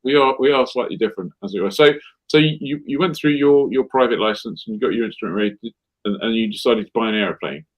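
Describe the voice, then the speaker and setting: A man interviewing a guest on a video call, asking questions in halting restarts. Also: mid-range voice. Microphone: webcam video call. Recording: slightly dull video call audio.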